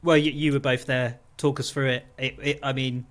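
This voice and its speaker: A man's voice: medium pitch, level tone, moderate pace, fairly bright tone. A man co-hosting a podcast, enthusiastic and rambling with many restarts. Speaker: podcast co-host. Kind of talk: casual chat. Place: at home.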